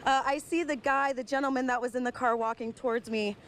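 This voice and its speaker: A woman's voice: high-pitched, fairly even intonation, a little fast, a bit bright, slight background noise. A woman field reporter out of breath, giving an urgent, flustered live report outdoors in a storm.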